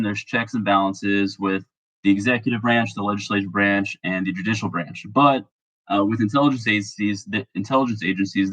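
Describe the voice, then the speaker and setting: A man who is sick, talking a bit monotone in a rambling, casual monologue full of fillers and restarts. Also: on the low side, poor audio. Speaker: political commentary vlogger.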